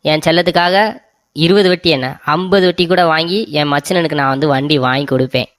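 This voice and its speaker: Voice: medium pitch, fairly even intonation, brisk, fairly bright tone, no echo, studio quality, lightly acted. A voice actor playing a doting young husband in a cartoon comedy, coaxing and sweet-talking his wife.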